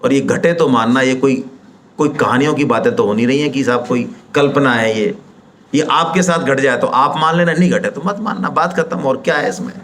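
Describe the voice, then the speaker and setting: A man's voice: mid-range voice, fairly quick, slight background noise. A man speaking at a devotional seminar, talking in a colloquial and persuasive way, firing rhetorical questions and addressing the audience directly. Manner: animated, rhetorical questions, acts out quoted voices.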